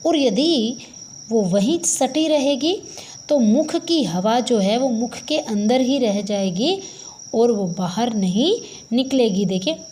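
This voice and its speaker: Slow, patient woman teaching. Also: fairly high pitch, lively intonation, dark tone, slight background noise. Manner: slow and patient, often calls students "beta". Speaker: Sanskrit teacher. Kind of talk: classroom-style lesson.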